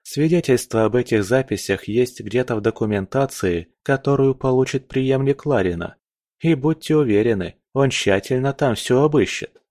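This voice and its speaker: Man voicing a calm, reasoning necromancer. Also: mid-range voice, normal speed, no echo, clean studio sound, pitched above the performer's own voice, lightly acted. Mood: calm, persuasive.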